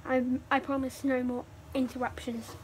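A woman's voice: high-pitched, flat delivery, moderate pace, a little mellow, a little hiss or hum. A young woman chatting through a casual cooking vlog at home, rambling and correcting herself as she goes. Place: home kitchen.

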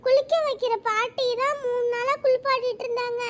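A woman's voice: extremely high pitch, level tone, fairly quick, fairly bright tone. A woman voicing a timid, obedient young village mother in a cartoon. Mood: meek. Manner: meek, obedient. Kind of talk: cartoon voice acting.

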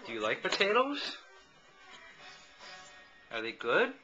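A father filming his toddler at home, coaxing her with gentle, repetitive prompts. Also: fairly high pitch, wildly swooping pitch, slow, muffled recording, over music. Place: home, indoors. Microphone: handheld camcorder.

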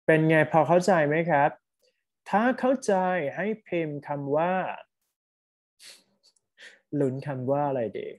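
A man with a Thai accent teaching an online English test class, mixing Thai with English and reading test lines slowly. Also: fairly high pitch, lively intonation, darkish tone.

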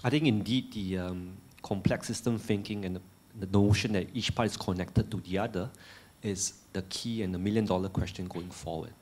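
A man's voice: deep voice, moderate pace, a little mellow. A man speaking on a panel in a large hall, earnest and holding a handheld mic, often repeating words as he searches for phrasing. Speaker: panelist, Singapore official. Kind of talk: panel discussion answer. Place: large lecture hall on stage. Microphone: handheld microphone.

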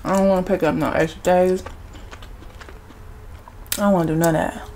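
A woman, chatting casually with her mouth full and chewing, relaxed and blunt, humming with enjoyment between bites. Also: on the low side, normal speed, a little hiss or hum. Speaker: vlogger. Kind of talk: casual rambling chat while eating.

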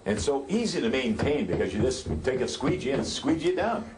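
A man's voice: mid-range voice, very animated, fairly quick, background noise. An older man, hosting a renovation show with folksy good cheer. He speaks to the viewers as "folks" and teases the workers in easy, casual chat, on a lapel mic inside a house under renovation. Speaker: home renovation TV host.

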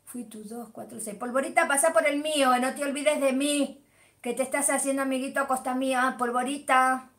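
A woman's voice: high-pitched, fairly even intonation, fairly quick, a bit bright. A middle-aged woman with an Argentine Spanish accent, chatting casually on a livestream, greeting viewers by name and talking animatedly about football. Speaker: livestream host. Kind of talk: casual live chat reading comments.

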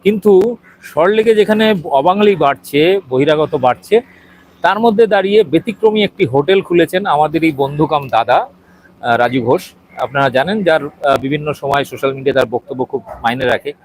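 A man's voice: on the high side, a little fast, a little hiss or hum, low-quality recording. A middle-aged man doing a walking video report, hesitant and full of fillers, showing viewers around a small restaurant. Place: outside and inside a small restaurant.

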